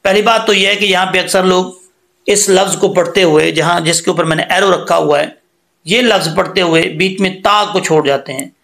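High, gravelly-voiced man teaching recitation. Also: steady tone, normal speed, a bit bright. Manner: patient explainer who often checks in with "okay"; repeats and corrects points as he goes. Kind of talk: explaining tajweed pronunciation step by step.

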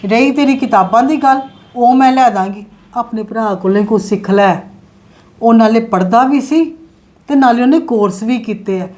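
A woman's voice: a little high, moderate pace, a little mellow, lightly acted. An actress playing a strict, frugal mother of two sons in a family drama, lecturing in an exasperated, scolding way. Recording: echoey room with faint noise.

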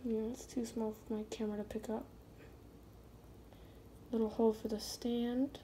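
A woman giving a casual unboxing review of a scale model, filmed on a phone, hesitant with many ums and pauses. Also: on the high side, level tone, warm tone, slight background noise. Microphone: phone camera.

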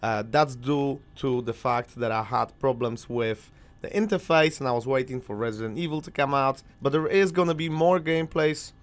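Speaking at a moderate pace with few pauses, this medium-pitched young man from Poland, a native Polish speaker, hosts a gaming channel. He commentates a video game over a headset mic in a chatty, rambling way full of fillers.

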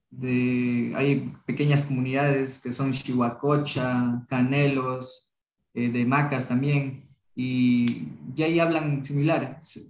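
A young man from the Amazon, casually teaching a language workshop over a video call, halting and restarting often. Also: medium pitch, reverberant, slight background noise, poor audio. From Ecuadorian Amazon. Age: young adult. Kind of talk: online class discussion.

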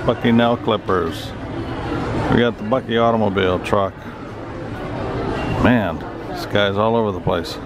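An older man narrating a walking tour vlog in a slow, leisurely way with amused asides, filmed on a handheld camera in a large store. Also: on the low side, fairly even intonation, over loud music, rough recording. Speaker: vlogger. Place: large busy store and gas station forecourt. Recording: loud crowd and store noise.

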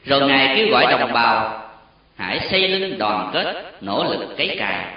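A man narrating a solemn story with an expressive, emotional delivery. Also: mid-range voice, moderate pace. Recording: very echoey, distant, dull lo-fi sound.

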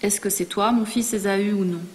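A woman reading aloud the solemn blessing of an old father, in a measured way. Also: medium pitch, steady tone, natural voice. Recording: long reverb in a large hall.

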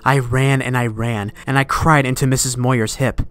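A man reading a horror story aloud in a measured voice that sinks to a hush at tense moments, with faint music behind. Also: mid-range voice, steady tone, clean tone. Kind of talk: scripted horror narration. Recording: dry close recording, faint music behind.

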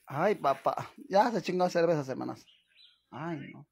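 A Mexican man talks casually to his live-stream viewers and calls them "sisters". His voice is husky, and he swings through a wide pitch range with loud, theatrical exclamations. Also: lively intonation, a little slow.

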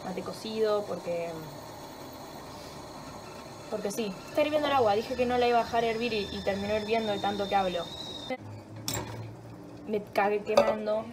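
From her home kitchen, a young woman with a Rioplatense accent chats for her vlog in a mid-range voice at normal speed, pausing often. Sore-throated and stuffed up, she rambles, jokes about herself and swears freely over background noise.

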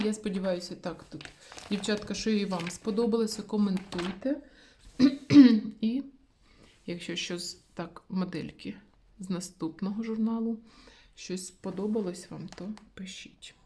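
Soft-spoken woman, half-whispering, mellow voice. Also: mid-range voice. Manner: soft, often whispering, hesitant with fillers. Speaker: knitting channel host. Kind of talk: casual magazine review, half-whispered.

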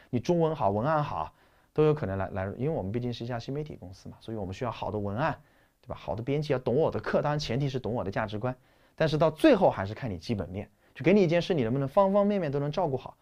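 A man's voice: mid-range voice, darkish tone. A man who runs a company, giving a classroom lecture. He speaks to the students directly and urges them on. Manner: brisk, exhorting, addresses students directly.

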